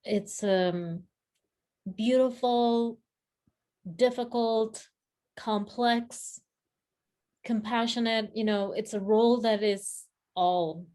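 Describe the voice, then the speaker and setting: Her voice sits on the high side, warm and slow, with frequent pauses. She is a practice leader guest from Sri Lanka speaking on a video call, thoughtful and reflective in casual talk, hunting for words and laughing readily.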